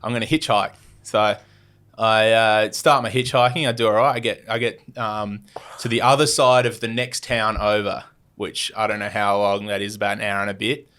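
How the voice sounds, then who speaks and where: A man's voice: lowish voice, fairly even intonation, moderate pace, a bit bright. A young Australian man, a podcast guest, telling a travel story in a rambling way, with many fillers and restarts and acted-out quotes. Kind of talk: casual storytelling.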